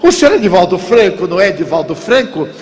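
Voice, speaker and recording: A man's voice: sits high, sing-song, fast, voice pushed up. A man putting on a pushy, needling stranger. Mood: challenging. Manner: challenging, insistent questions. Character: pushy, quarrelsome middle-aged stranger man. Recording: long hall reverb.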